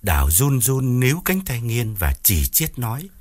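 A male narrator telling a dramatic audiobook story in an expressive, swooping delivery. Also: mid-range voice, moderate pace. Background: faint background music.

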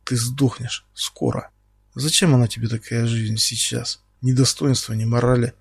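A man voicing a menacing male captor who speaks slowly and quietly, taunting his victim. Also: mid-range voice, steady tone, gravelly, slightly rough, dry recording. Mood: quiet menace. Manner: slow, quiet, taunting, bursts into shouting.

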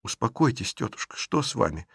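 A man voicing a gentle young woman who answers in a quiet, subdued way in an audiobook reading. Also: medium pitch, very animated, a little fast, gravelly, breathy edge, no room sound, clean studio sound, full character voice.

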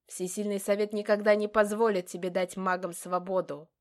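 A woman voicing an anxious, quick-tempered young male mage in an audiobook, with urgent, pleading outbursts. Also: medium pitch, level tone, a little mellow, lightly acted. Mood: desperate. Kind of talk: audiobook character reading.

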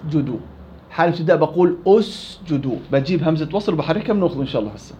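A man's voice: a little high, lively intonation, racing, mellow, slight background noise. A man teaching Quran recitation rules in a classroom lecture, explaining rules and quizzing his students.

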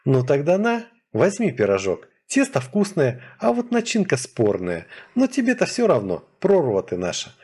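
A mischievous young woman chatters and teases in a voice pitched high above a man's normal range, as a male reader puts her on. The husky tone stays under the lightness. She sounds carefree and playfully mocking. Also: huge pitch swings, normal speed, hardly any pauses, darkish tone, full character voice. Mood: teasing. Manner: light, teasing, laughing. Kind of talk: audiobook character voice.

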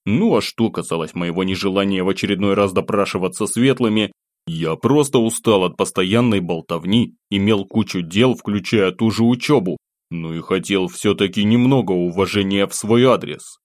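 A man with a low, deep voice narrating a first-person audiobook. His delivery is calm and wry, and the close, dry recording has no room sound. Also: moderate pace, dry recording.

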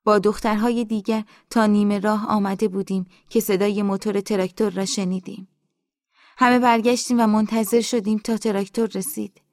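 A woman narrating an audiobook in a soft, hushed, inward way, recorded on a studio mic. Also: medium pitch, flat delivery, no room sound.

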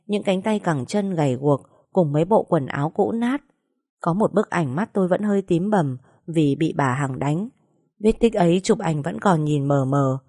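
A woman reads a first-person story aloud, somber and measured. Her voice is low and warm, and the recording is close and dry. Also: dry recording. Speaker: narrator. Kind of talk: scripted audiobook narration.

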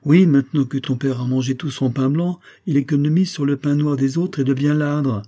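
A man's voice: medium pitch, steady tone, normal speed, warm tone, voice pushed up, close to an everyday voice. Man voicing a doting, scolding old-fashioned servant woman. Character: warm fussy middle-aged female servant. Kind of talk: audiobook character voice.

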